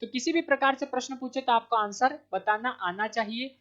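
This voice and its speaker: Woman exam tutor, slightly high voice, patient and repetitive, on muffled lo-fi audio. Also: brisk, a bit bright. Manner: explains step by step, repeating answers with "ठीक है". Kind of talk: online exam-prep lesson. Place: Madhya Pradesh, India. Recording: dull lo-fi recording.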